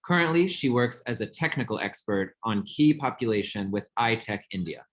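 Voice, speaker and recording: A man's voice: on the low side, animated, normal speed, fairly bright tone. Man moderating a formal panel discussion. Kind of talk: formal panel introductions and questions.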